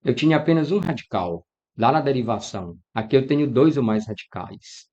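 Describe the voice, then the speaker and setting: A man's voice: medium pitch, a little fast, muffled recording. A Brazilian man teaching an exam-prep grammar lesson, talking straight to his students and acting out their questions. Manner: lively, talks to students directly, acts out student questions. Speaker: Portuguese teacher.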